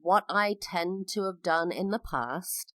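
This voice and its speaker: A thirty-something English woman with a hint of American in her accent talks through a personal podcast monologue. Her pitch is fairly low and her tone fairly bright, and she speaks slowly, with precise enunciation and a musical lilt. There's no echo.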